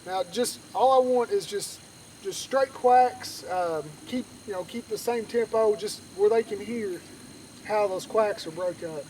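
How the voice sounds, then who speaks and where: High-pitched man teaching, outdoors. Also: measured pace, a little mellow. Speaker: duck calling instructor. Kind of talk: informal outdoor tutorial, conversational teaching. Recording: distant mic outdoors, faint background noise.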